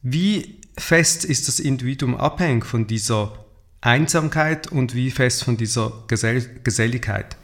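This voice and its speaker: Gravelly interviewer man. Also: medium pitch, measured pace. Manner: formal, summarizing and posing questions. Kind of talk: reflective philosophical conversation.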